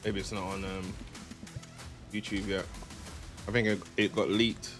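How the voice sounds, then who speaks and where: A man's voice: low voice, little pitch movement, unhurried, over music. Laid-back man co-streaming. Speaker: co-stream host. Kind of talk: casual chat.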